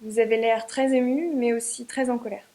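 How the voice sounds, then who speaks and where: A woman's voice: on the high side, fairly even intonation, a little fast, dark tone. A French woman working as an interviewer, giving an introduction and asking prepared questions.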